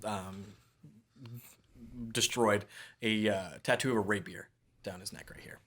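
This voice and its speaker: A man with a lowish voice runs a tabletop session as dungeon master. His narration is relaxed and halting, full of small fillers. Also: a little hiss or hum.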